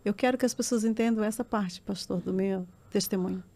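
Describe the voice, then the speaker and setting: A woman's voice: medium pitch, fairly quick, mellow. A middle-aged woman, giving an earnest and emotional personal testimony as a podcast guest. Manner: earnest, emotional storytelling that swells into tearful intensity.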